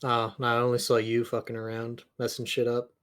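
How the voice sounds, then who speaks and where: A man's voice: mid-range voice, monotone, a little fast, a bit bright. A man riffing and rambling casually about a fantasy world on a live stream, swearing freely. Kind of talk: casual chat.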